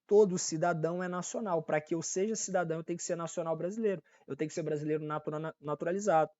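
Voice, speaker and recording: The speaker, a law teacher with a Brazilian Portuguese accent, talks fast in a steady, darkish voice that sits on the high side. The muffled recording has no echo. His online exam-prep lecture is casual and repetitive, with frequent check-ins with listeners and corrections of his own slips.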